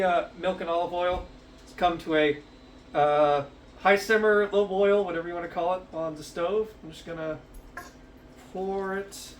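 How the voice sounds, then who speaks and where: A man's voice: fairly high pitch, recorded from a distance, slight background noise. A man hosting a casual cooking vlog on a headset, swearing freely and rambling with lots of fillers. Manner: profane and rambling, with many fillers. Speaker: cooking show host. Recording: roomy, off-mic, music underneath.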